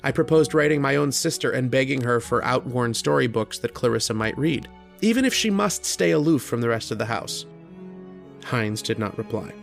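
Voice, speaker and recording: Soft music plays behind this actor's creaky, mid-range male voice, which has lively intonation and moves at a normal speed. Portraying a kind, earnest writer who is struggling, he narrates the old-time radio horror drama reflectively and haltingly, with a somber feel.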